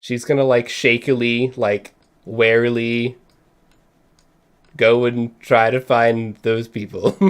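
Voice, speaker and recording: A man's voice: medium pitch, slow, smooth. A man working as game master, improvising descriptive tabletop game narration in a conversational way.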